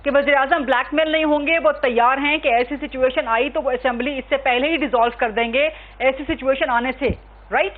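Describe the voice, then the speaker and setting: A woman's voice: sits high, steady tone, phone-quality sound. A woman hosting a political talk show, pressing her guests with pointed questions and cutting in.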